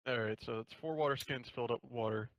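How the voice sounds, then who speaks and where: A man's voice: medium pitch, fast, no echo, highs cut off. A man running a tabletop game as game master, narrating in a loose, rambling, sweary way.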